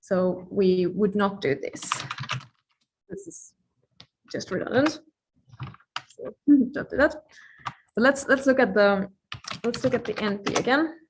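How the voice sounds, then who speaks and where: A native Finnish speaker from Finland, a woman, gives an informal live-coding lecture, thinking aloud with playful asides and pausing mid-thought. Her mid-range voice has lively intonation, and there's background noise.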